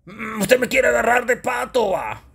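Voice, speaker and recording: A man voicing a touchy, loudmouthed male gorilla comedian who picks fights. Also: very high-pitched, animated, vocal fry, slightly rough, pitched above the performer's own voice, heavily acted. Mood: complaining. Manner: quick-tempered, threatening, indignant.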